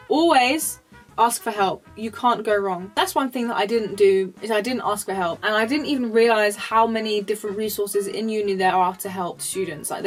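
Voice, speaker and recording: A woman's voice: mid-range voice, rough recording. Blunt, swearing young woman. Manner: blunt and passionate, swears freely; reads viewer comments aloud. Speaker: vlogger. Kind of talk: casual advice vlog.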